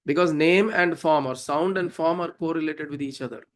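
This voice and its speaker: A man with a South Indian accent teaches Sanskrit devotional hymns, explaining the verses informally and didactically while frequently asking check-in questions. His voice is on the high side, at a moderate pace.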